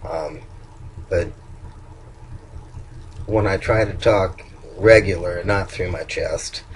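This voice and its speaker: In this casual personal video update, an older vlogger talks in a very deep, hoarse voice that sometimes turns a little nasal. His speech is halting, full of ums, pauses and restarts. The rough recording carries a faint room ambience plus a little hiss or hum.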